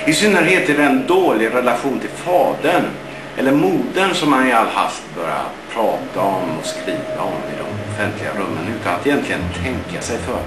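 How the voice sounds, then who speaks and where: A middle-aged man giving an earnest, deliberate and indignant opinion monologue into a webcam up close, in a small room. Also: mid-range voice, very animated. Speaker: blogger. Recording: roomy echo with background music. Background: background music.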